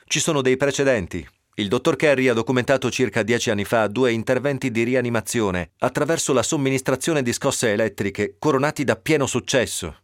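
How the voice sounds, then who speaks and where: A man reading a novel aloud on radio, voicing an earnest male doctor who explains in a measured way. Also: medium pitch, dry recording, clean studio sound, lightly acted.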